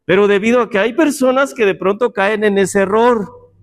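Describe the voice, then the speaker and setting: In a church meeting room, a man with a notably high voice leads a Bible class at a moderate pace. His teaching is chatty and informal, blending doctrine with jokes and rhetorical questions to the class.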